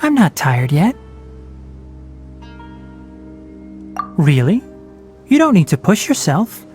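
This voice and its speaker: A man playing a calm, caring young forest ranger and scholar in a video game, speaking in a measured, gently lecturing way. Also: sits high. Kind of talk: video game character acting. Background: music.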